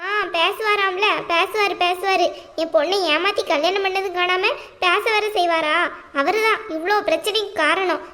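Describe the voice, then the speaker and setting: A woman voicing a bitter, grieving middle-aged aunt in a cartoon, who airs her resentment in a slow, wailing way. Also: very high voice, steady tone, pushed and bright. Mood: resentful. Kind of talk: cartoon voice acting.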